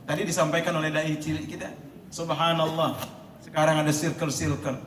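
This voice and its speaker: Animated preacher in an echoey hall. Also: male voice, fairly high pitch, a little fast, a little hiss or hum. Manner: storytelling, animated, laughing between lines. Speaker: preacher at a school Ramadan program. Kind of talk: sermon to students. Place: school hall. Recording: echoey room with faint ambience.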